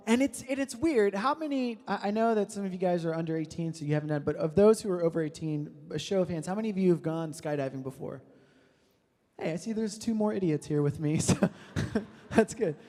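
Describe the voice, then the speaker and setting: A young man in his twenties, speaking at a youth prayer service in a church hall, delivers a casual, joking sermon told as a story and packed with fillers. His voice sits high and is a little mellow, with the long reverb of the hall.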